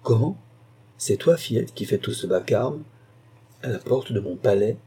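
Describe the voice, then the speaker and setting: A man's voice: on the low side, animated, normal speed, mellow. A man voicing a majestic older viceroy, speaking in a lofty, faintly mocking way. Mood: surprised. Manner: lofty, wry.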